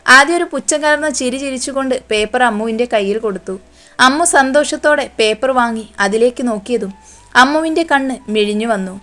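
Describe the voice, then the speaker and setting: A woman reading a romance story aloud at an even pace. Her voice sits a little high for a woman, and she keeps the quoted lines soft. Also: fairly quick.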